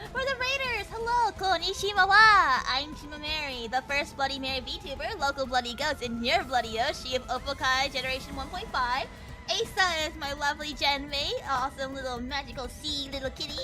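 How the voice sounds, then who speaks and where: Female VTuber streamer, cute anime style, very high and bright, bubbly, polite live chat over game music.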